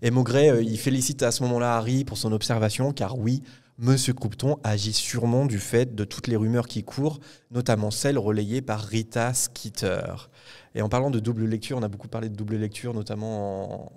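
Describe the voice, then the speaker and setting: A man hosts a podcast taped in front of an audience. His voice sits in a middle register, and he retells a book chapter at length, pausing often on "euh". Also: mid-range voice, darkish tone. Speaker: podcast host. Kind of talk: casual book discussion before a live audience. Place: live recording at a public event.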